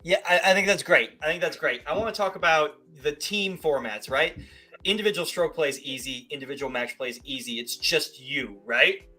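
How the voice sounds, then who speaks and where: A man's voice: on the high side, fairly quick, bright, forceful tone. A man hosting a live amateur golf show, walking through rules step by step and tossing in rhetorical questions. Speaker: golf tour show host. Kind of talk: casual live show chat.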